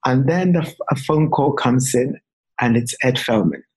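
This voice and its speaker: A man from England, a podcast guest, telling a story with animated, acted-out quotes. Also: medium pitch, a little slow, husky, poor audio. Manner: animated, acts out quoted voices. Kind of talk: storytelling in a casual interview.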